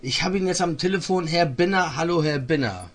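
A man's voice: fairly high pitch, fairly quick. A man hosting a casual radio interview, chatty and laughing at his own jokes. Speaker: radio host.

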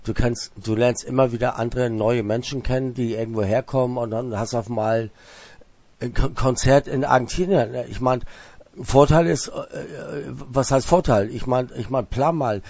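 A man's voice: mid-range voice, normal speed, vocal fry, a little mellow, no room sound, muffled recording. Stammering casual male radio host. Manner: stammers and repeats words while searching. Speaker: radio interviewer.

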